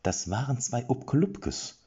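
A man narrating a fantasy story in an expressive audiobook style, on slightly muffled audio. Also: mid-range voice, a little slow, husky.

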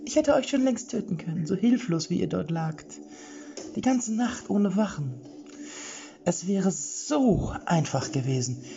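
A shrill falsetto braggart bandit. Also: male voice, sing-song, unhurried, gravelly, lo-fi sound, full character voice. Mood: boastful. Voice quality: high falsetto. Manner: pompous, sneering, lecturing. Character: boastful mocking male bandit, shrill falsetto.

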